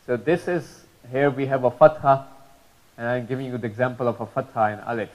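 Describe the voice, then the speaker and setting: A man's voice: mid-range voice, fairly even intonation, a little fast, dull audio. A man teaching Arabic pronunciation in a religious lesson, patiently repeating model sounds with many fillers.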